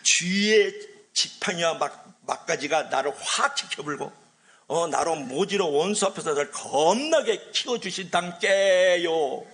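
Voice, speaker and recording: A man's voice: a little high, animated, measured pace, a bit bright. A man voicing a psalm recital in a Jeolla dialect, emphatic and drawn out.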